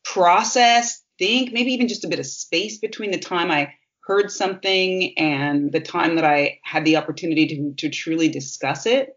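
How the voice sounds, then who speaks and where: An interviewer in a casual conversation, warmly affirming the guest and eagerly sharing their own experience. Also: medium pitch, moderate pace, few pauses, lo-fi sound. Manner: warmly affirming, enthusiastic listener.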